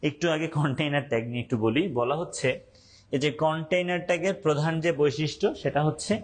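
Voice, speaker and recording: A young man teaching an online class, speaking slowly and deliberately, repeating points and quizzing his students. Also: fairly high pitch, steady tone.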